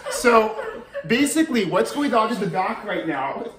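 A man's voice: high-pitched, big pitch swings, crowd noise. Young man hosting a cooking vlog. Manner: joking, teasing, quick asides. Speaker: channel host. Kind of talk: casual group cooking vlog. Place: home kitchen. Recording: echoey kitchen from far off.

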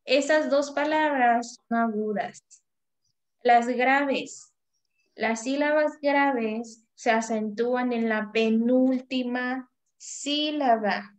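A primary school teacher runs an online class over a video call, heard through her call microphone. Her voice is fairly high, and she stays patient, calling on pupils by name and drilling syllables slowly.

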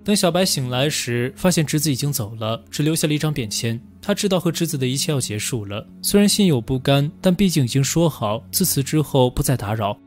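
A man narrating a film recap in a steady, scripted storytelling voice. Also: medium pitch, a little fast, few pauses, faint music behind.

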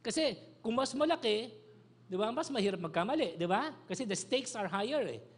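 A middle-aged male pastor from the Philippines, preaching an animated sermon in a mix of Tagalog and English. He calls out for amens and drops to a soft, low voice on key phrases. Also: fairly quick, breathy edge.

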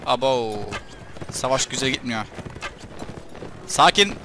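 A young man giving casual commentary over his gameplay, chatting to his troops and breaking into loud excited shouts during fights. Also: medium pitch, slow, background noise. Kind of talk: let's play commentary.

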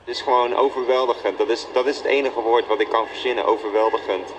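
A young man talks as the guest in an interview, answering modestly and a little hesitantly. He fills his pauses and agrees readily with the interviewer. His pitch is in the middle range for a man. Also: fairly even intonation, slight background noise, low-quality recording. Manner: modest, hesitant with many fillers and short agreements. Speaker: guest singer. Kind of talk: casual interview.

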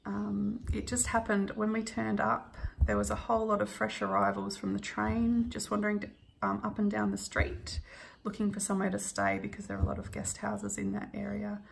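A woman with a deeply gravelly, creaky voice at a middling pitch tells a story in a relaxed, chatty way. She laughs often and fills her pauses with ums as she stitches at home. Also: a little hiss or hum. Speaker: cross stitch vlogger. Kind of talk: casual storytelling while stitching.

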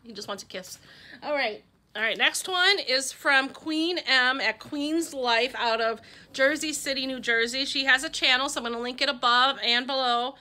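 Middle-aged woman vlogger from Wisconsin, high and bright voice, gushing casual chat. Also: normal speed. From Wisconsin, USA. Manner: gushing, chatty, talks to her pet. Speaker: vlogger opening fan mail.

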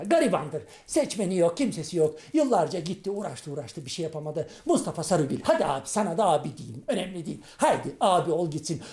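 A man's voice: high voice, dark tone, roomy sound. A man playing a muddled, indignant man-on-the-street in a comic monologue, rambling, tripping over his words and scolding as he goes. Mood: flustered. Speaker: comedian playing a street character.

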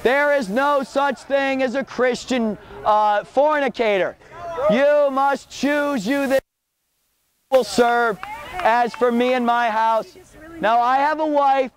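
A man preaching loudly outdoors on a college campus as a street preacher, declamatory and confrontational. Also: very high voice, slow. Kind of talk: open-air street preaching.

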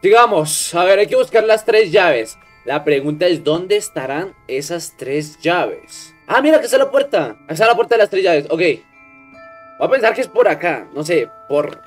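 A young man with a Colombian accent, commenting on a horror game he plays, jumping at scares, swearing and hushing himself. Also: high voice, lively intonation, normal speed, faint music behind. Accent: Colombian Spanish. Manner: jumpy, yelps and swears at scares, hushes himself. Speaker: gaming streamer.

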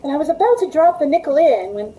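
A middle-aged woman acts in a 1940s-style radio play as an anxious young waitress, hesitant, earnest, and pleading as she uneasily recounts her frightening story. Her high-sitting voice has lively intonation and a fast pace, heard through dull audio on a home video call with faint noise.

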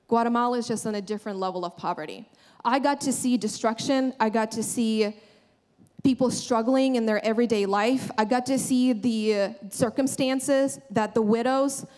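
A woman's voice: on the high side, a little mellow. Earnest young woman preaching to a church. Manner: earnest, conversational, with frequent restarts. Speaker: church speaker. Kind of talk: sermon. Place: large church stage, indoors. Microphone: handheld microphone.

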